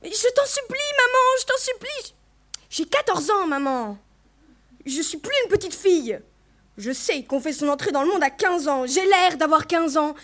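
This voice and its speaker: A woman's voice: sits high, expressive, normal speed, fairly bright tone. A woman voicing a desperate fourteen-year-old girl begging her mother, in a storybook reading. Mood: pleading. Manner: pleading and desperate.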